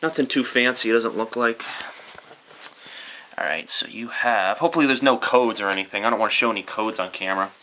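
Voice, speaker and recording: A man's voice: lowish voice, brisk, bright, forceful tone, a little hiss or hum. A young man casually talking through an unboxing in his bedroom, rambling, thinking aloud and swearing offhandedly. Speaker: YouTuber doing an unboxing.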